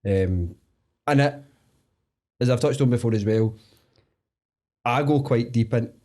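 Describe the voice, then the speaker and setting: A man's voice: mid-range voice, unhurried, a little mellow. A Scottish man guesting on a podcast, telling his story bluntly in casual chat. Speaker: guest, social media creator.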